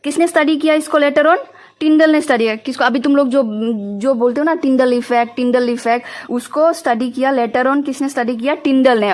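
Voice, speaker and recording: Young woman, high-ish voice, lecturing in Hindi-mix, quizzes the class herself. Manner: explains in Hindi mixed with English, asks students questions and answers them herself. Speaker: chemistry teacher.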